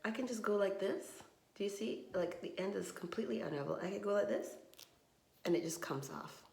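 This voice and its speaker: Filming a casual vlog monologue on her phone in the bathroom at home, this woman rambles, frustrated and trailing off. She sounds animated and a little fast, with a creaky, darkish mid-range voice. The echoey phone audio carries a little hiss or hum.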